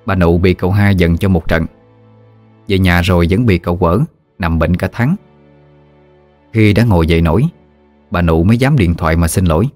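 A man narrates a ghost story in a steady, vivid telling. His voice is very low and deep. Faint music plays beneath him. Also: moderate pace, pauses often, no room sound.

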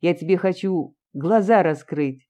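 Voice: medium pitch, unhurried, mellow, natural voice. A reader voicing an elderly, pious, tearful woman who speaks earnestly and imploringly in an audiobook. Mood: reproachful. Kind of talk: audiobook reading.

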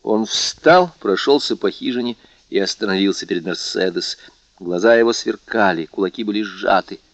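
Low-voiced male audiobook reader. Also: normal speed, no room sound. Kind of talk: audiobook narration. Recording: dull, dry audiobook recording.

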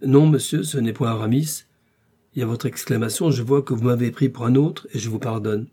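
A man voicing a proud duke from a classic adventure novel, calm, lordly and sure of his command. His tone is dark and slightly husky, gently raised. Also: medium pitch, a little fast, lightly acted. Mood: haughty. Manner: composed, lordly.

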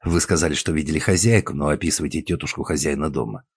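A man voicing a calm, persistent male investigator who speaks in a measured way, with a husky voice. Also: extremely low pitch, dry recording, studio quality, exaggerated voice.

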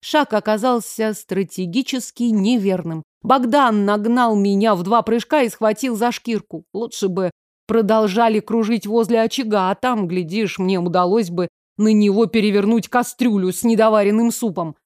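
A woman's voice: mid-range voice, normal speed, darkish tone, no room sound. Woman reading first-person fiction, dry close sound. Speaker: audiobook reader.

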